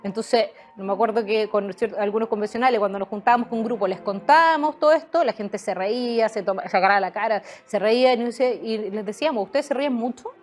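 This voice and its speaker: A woman's voice: a little high, quick pace, hardly any pauses. A woman answering interview questions as a guest author, hesitating often with fillers and restarts.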